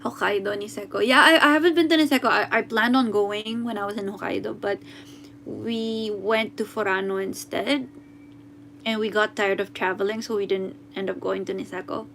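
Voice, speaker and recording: A woman's voice: medium pitch, fairly even intonation, creaky, fairly bright tone. A young woman with a Filipino accent talks casually on a livestream, reading comments aloud and mixing in Tagalog. She often stops and corrects herself, and a faint hum runs underneath. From Philippines. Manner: chatty, switches between English and Tagalog, often halting and unsure. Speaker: musician hosting a livestream.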